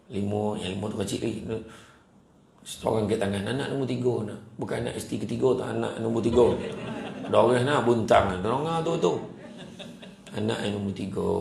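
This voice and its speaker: A man giving a humorous religious talk, telling lively stories and acting out what people say. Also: fairly low pitch, gravelly, a little hiss or hum. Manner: lively storyteller, acts out quotes, jokes often. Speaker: preacher. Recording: echoey room with faint ambience.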